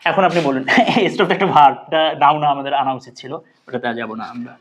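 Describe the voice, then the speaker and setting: A woman teaching English pronunciation. She keeps firing quick questions at her students and coaxes answers out of them. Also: very deep voice, animated. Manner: quizzing students, brisk and coaxing. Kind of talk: classroom lesson. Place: classroom with students.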